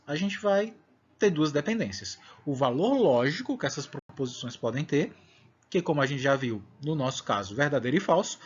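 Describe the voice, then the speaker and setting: Husky-voiced male math teacher lecturing. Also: on the high side. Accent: Brazilian Portuguese. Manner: explanatory, checks in with "né?" and "ok?". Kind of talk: recorded online lecture. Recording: dull lo-fi recording.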